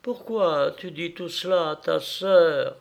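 A man voicing a gentle mother who speaks softly and tenderly. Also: on the high side, takes it slowly, vocal fry, pitched above the performer's own voice. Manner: soft, tender.

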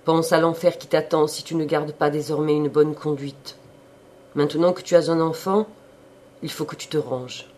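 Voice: medium pitch, steady tone, moderate pace, a little mellow, lightly acted. A reader doing a sly, sermonizing old country priest. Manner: sermonizing, wry and cajoling. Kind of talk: audiobook reading of a classic novel.

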